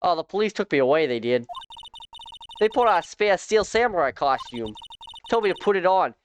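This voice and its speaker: A man's voice: fairly high pitch, animated, moderate pace, a little hiss or hum, natural voice. A man voicing a cranky, spiteful old woman security guard, with an indignant scolding manner. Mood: huffy.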